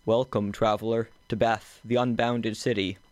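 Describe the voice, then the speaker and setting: A young man voicing a mysterious, disembodied voice that rules a tower city, calm and faintly amused. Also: on the low side, moderate pace, no echo, lightly acted.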